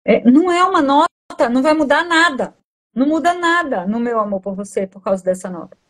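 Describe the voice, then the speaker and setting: A woman's voice: high-pitched, animated, brisk, fairly bright tone. A woman in her forties, a coach and therapist, telling a personal story in a podcast interview with enthusiastic, affectionate energy.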